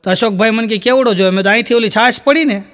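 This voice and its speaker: A man's voice: sits high, fast talker, fairly bright tone. A man doing live stand-up with a rural Saurashtra Gujarati accent, telling jokes and acting out quoted characters in raised voices. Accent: Gujarati, Saurashtra rural dialect. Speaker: stand-up comedian.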